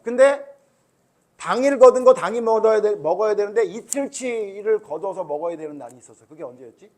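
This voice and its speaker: A man with a high voice preaches a Sunday school sermon to children. He tells the story in an animated way and keeps quizzing the kids as he goes. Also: a little fast. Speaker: pastor.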